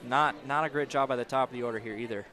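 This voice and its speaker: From a broadcast position at an outdoor baseball stadium, a man provides live color commentary, explaining and judging the play in a conversational, opinionated way. His medium-pitched voice is sharp, and he talks very fast.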